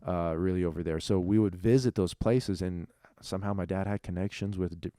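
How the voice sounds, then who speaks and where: A young man co-hosting a casual faith podcast, talking in animated bursts and laughing often. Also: low-pitched, a little fast, dry recording, studio quality. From Ukraine. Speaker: podcast co-host. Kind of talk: casual chat.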